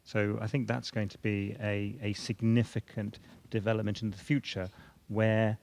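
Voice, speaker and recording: A man speaking as a panelist at a conference, measured, sometimes repeating words as he thinks. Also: fairly low pitch, little pitch movement, darkish tone.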